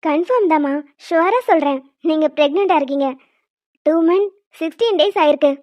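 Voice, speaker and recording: A woman voicing a calm female doctor in a cartoon, speaking in a measured, reassuring way. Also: high voice, no room sound, natural voice. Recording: dull dry sound.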